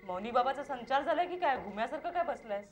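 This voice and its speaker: A woman's voice: high-pitched, expressive, fast, highs cut off, faint music behind. An actress playing a chatty, emotional wife who nags and argues with her husband, in a TV serial. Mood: nagging. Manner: nagging and playful, turns tearful. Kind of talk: TV serial acting.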